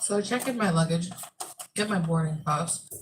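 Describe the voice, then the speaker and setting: Lower-voiced woman telling stories, faint noise behind. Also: normal speed. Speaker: video host telling a travel story. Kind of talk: casual chatty storytelling.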